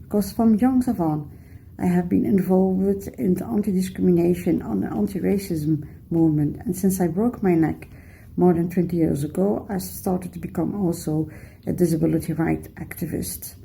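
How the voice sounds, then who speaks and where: Woman from Belgium, dark and gravelly, steady candidate introduction. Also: fairly low pitch, normal speed, a little hiss or hum, low-quality recording. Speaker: board candidate. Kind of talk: self-introduction speech.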